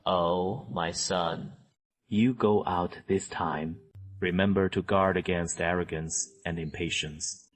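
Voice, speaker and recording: Paternal Taoist master, anime dub, very low pitch, grave, admonishing. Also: male voice, steady tone, slow pace. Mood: solemn, paternal.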